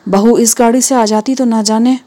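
Woman doing a calm, firm mother in a story. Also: fairly high pitch, close to an everyday voice. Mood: reassuring. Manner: soothing yet firm.

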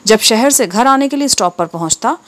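A woman reading an Urdu textbook aloud, with careful, measured delivery and steady pauses between items. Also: fairly high pitch. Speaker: textbook reader.

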